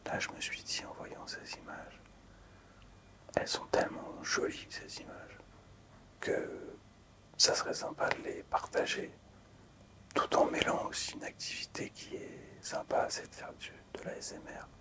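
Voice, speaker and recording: In this soft ASMR clip, a creator quietly displays collectible cards for viewers, never rising above a whisper. He takes his time, hesitating and pausing between brief phrases.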